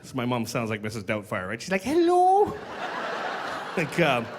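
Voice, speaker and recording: A man doing a stand-up comedy set, talking in an animated way and jumping into high put-on voices for other people. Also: quick pace. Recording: live club, crowd laughter and noise.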